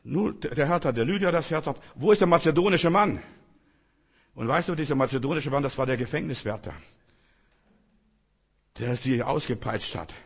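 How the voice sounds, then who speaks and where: A man preaching a sermon to his congregation, dramatic, moving between hushed low passages and loud exclamations. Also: animated, normal speed, pauses often, slightly rough.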